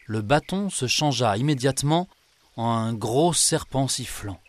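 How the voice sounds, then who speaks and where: A man narrating a children's tale in a calm, measured way. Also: mid-range voice, a little hiss or hum. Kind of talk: storybook narration.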